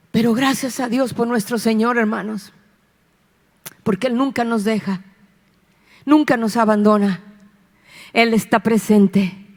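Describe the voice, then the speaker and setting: High-voiced woman pastor preaching. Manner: impassioned, repetitive, rhetorical questions. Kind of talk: preaching a sermon. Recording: long reverb of a church hall.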